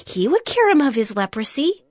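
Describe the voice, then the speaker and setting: A man's voice: very high voice, very animated, normal speed, a little mellow, voice pushed up. A man voicing a young servant girl in a scripture reading, speaking eagerly in a sing-song way. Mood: hopeful.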